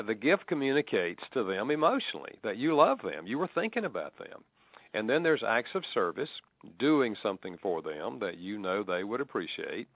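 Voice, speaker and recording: An author with a Southern US accent appears as a radio interview guest over a phone line, explaining things in a folksy, plain-spoken way and chuckling along. His voice is mid-range, and the recording is dry.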